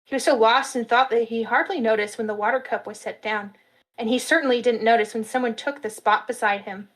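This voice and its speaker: Woman narrating a fantasy story live, steady reading, slightly high voice. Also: a little fast, rough recording.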